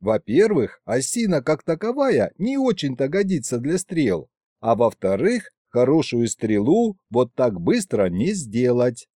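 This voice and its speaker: A man voicing a chatty young elf king who explains things in a lively, raised voice. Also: mid-range voice, unhurried, dry recording, studio quality. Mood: explaining.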